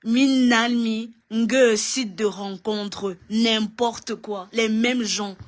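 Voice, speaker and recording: Lady ranting on her channel, high-ish voice, keeps repeating herself to scold. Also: fairly even intonation, very slow. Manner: scolding, mocking, heavy repetition. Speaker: online commentator. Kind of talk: ranting live video.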